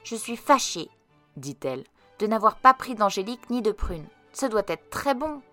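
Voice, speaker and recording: A woman's voice: medium pitch, big pitch swings, moderate pace, bright, forceful tone, faint music behind, pitched above the performer's own voice. A woman reading a storybook aloud and voicing a greedy, fretful little girl. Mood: wistful.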